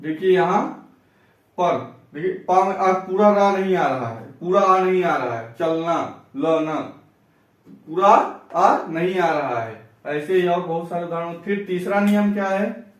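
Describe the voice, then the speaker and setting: A man teaching a grammar lesson, dictating slowly phrase by phrase and repeating examples aloud. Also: high-pitched, muffled recording. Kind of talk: classroom lesson. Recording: echoey room, from a distance.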